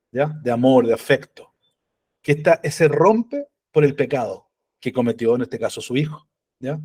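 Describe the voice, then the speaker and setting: A man's voice: fairly high pitch, mellow. A middle-aged man, giving a conversational church parenting talk and often checking in with the audience. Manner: tells personal stories with playful humor.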